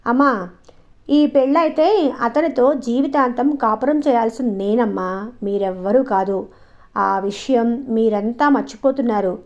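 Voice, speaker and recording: A woman's voice: fairly high pitch, unhurried, muffled recording. A woman voicing a composed young daughter. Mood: calm, reasoning. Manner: composed, reasoning, gently firm. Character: calm, self-assured young woman, a grown daughter.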